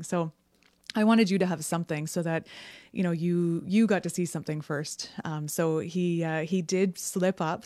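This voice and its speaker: Casting note: woman, lowish voice, soft and slightly shy guest on a podcast. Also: no echo. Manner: soft-spoken, a bit shy. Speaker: host's wife, guest. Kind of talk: casual podcast chat. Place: home basement studio.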